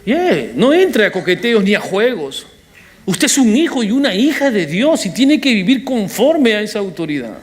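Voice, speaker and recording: Un pastor predicando un sermón de forma animada, con apartes juguetones. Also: male voice, sits high, normal speed. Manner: animated preaching with playful asides. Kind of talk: sermon.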